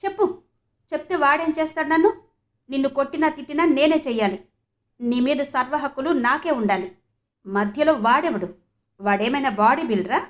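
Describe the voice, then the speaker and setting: A woman's voice: high-pitched, brisk, pauses often, pitched above the performer's own voice, lightly acted. Woman reading as a jealous, threatening young man. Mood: angry. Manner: angry, sneering, raised voice. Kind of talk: audiobook character reading.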